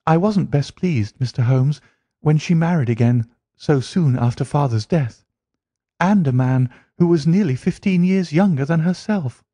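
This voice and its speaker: A man's voice: warm tone, no echo. A man voicing an earnest, flustered young woman pouring out her troubles in a storybook reading. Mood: indignant. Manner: breathless, rushing, rising high pitch.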